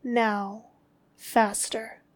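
A woman delivering a scripted dominant roleplay in a slow, commanding, contemptuous tone that often drops to a whisper. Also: a little high, level tone.

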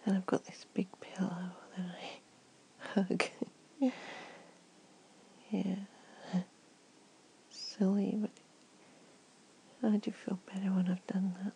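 A woman performs an ASMR comfort roleplay, mostly in a hushed, gentle whisper. She takes her time, letting the words come slowly, and her voice sits warm and mellow. A faint room hiss runs beneath her. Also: mid-range voice, flat delivery, creaky, poor audio.

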